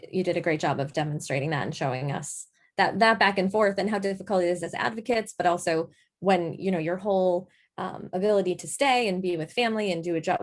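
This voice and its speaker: A woman moderates a panel discussion, thanking the speakers and passing the floor to the next one. Her voice is slightly low, and she talks in a gentle, somewhat hesitant way.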